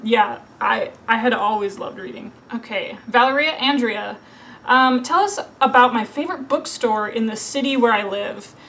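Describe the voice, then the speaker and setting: A Minnesota woman in her thirties vlogs about books, chatting casually to the camera with lots of fillers and frequent laughter. Her voice is fairly high and bright, with a bit of hiss or hum in the audio.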